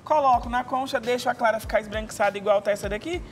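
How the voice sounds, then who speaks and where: A man's voice: very high-pitched, fast, soft background music. A man who is a chef, giving a chatty cooking demonstration on a TV studio set. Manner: instructive, chatty. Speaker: guest chef. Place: TV studio kitchen.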